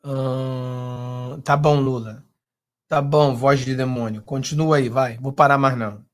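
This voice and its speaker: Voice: mid-range voice, steady tone, slow. A host with a Brazilian Portuguese accent reacting to a clip, mocking and sarcastic, ranting with swearing. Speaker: political commentary host. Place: in the United States.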